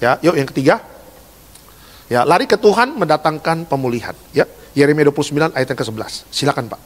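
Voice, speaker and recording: Casting: jokey male pastor, slightly high voice, echoing church hall. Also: lively intonation, quick pace. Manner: jokey, swings from hushed asides to loud exhortation. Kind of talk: lively sermon.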